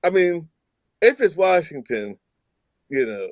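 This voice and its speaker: Man, podcast host, slightly high voice, rambling, dry close sound. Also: very animated, slow, no echo. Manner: rambling, with restarts and fillers. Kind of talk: casual podcast chat.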